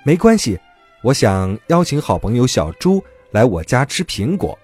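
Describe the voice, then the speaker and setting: A man's voice: medium pitch, very animated, moderate pace, darkish tone, breathy edge, soft background music. A man voicing a friendly, cheerful bear in a children's bedtime story.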